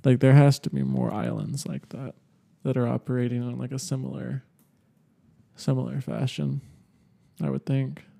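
Male podcast co-host, very soft-edged and mellow with heavy fry, loose, hesitant conversational delivery. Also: medium pitch, normal speed. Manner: rambling, hesitant, speculative. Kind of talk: casual chat.

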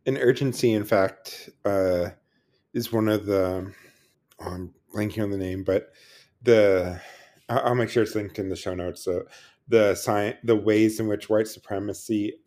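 A man's voice: on the low side, fairly even intonation, a little slow, a little mellow. A man co-hosting a podcast in casual chat, thoughtful and talky, with dry sarcastic asides. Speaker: podcast co-host.

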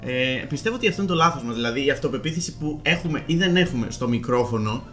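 Young male co-host, crisp bright tone, playful banter, faint music behind. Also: medium pitch, expressive. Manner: quick, teasing, laughs often. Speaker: podcast co-host. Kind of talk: casual chat.

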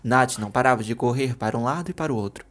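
A storyteller narrating a dark story in a steady, measured way, slowing on vivid images. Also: mid-range voice.

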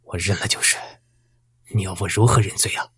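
A man voicing a proud old village schoolteacher, speaking low, hushed and husky, half whispering. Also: steady tone, fairly quick, dry recording, full character voice. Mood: despairing.

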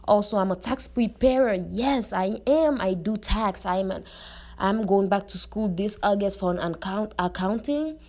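Medium-pitched and unhurried with a darkish tone and no echo, a woman in her 20s hosts her own podcast. She chats casually in a solo monologue, using loose grammar and repeating herself, over a noisy background.

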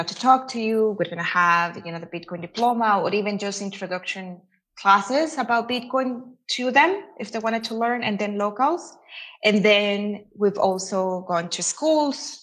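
A woman from El Salvador speaks in a relaxed interview. She talks freely and fills her sentences with "you know". Her voice sits at an ordinary middle pitch. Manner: chatty, many "you know" fillers. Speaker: guest. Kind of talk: casual interview talk.

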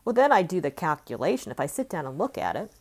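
A woman's voice: low voice, sing-song, fast talker. A woman in her fifties from California, talking earnestly and conversationally as she reflects aloud in a personal vlog. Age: 50s. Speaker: self-help vlogger.

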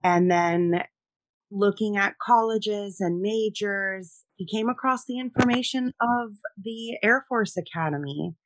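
Here a middle-aged veteran and military spouse from Rhode Island, USA, speaks at a slightly slow pace in a medium pitch. The recording is dry, and she chats amiably in a podcast interview, using lots of fillers.

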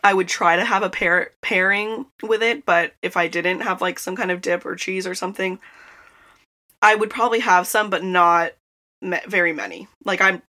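A young woman with a bright, forward voice talks her way through a snack in a relaxed, rambling chat, breaking into laughs often. She is recording inside a small closet. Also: lowish voice, moderate pace. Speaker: podcast host. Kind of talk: casual chat.

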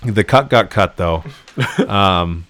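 A man hosting a sports podcast in casual, animated chat, laughing often. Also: low-pitched, slow. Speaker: podcast host.

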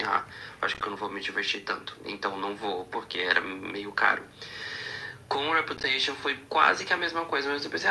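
A man from Brazil with a Brazilian accent telling a story in a recorded voice-message testimonial, relaxed. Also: deep voice, slight background noise, rough recording. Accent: Brazilian Portuguese. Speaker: listener sending a voice message.

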